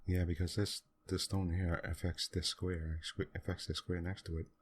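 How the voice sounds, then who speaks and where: Soft-spoken man, very low flat voice, quiet ASMR gameplay commentary, unhurried, pausing often, at a desk mic. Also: husky. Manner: quiet, unhurried, musing aloud with many pauses. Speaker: gaming channel host.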